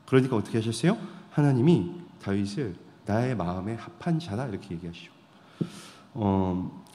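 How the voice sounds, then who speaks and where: Lively pastor preaching in a reverberant sanctuary. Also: male voice, lowish voice. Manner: rhetorical questions to the congregation, swings between loud and quiet. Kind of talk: sermon. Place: church sanctuary. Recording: long hall reverb.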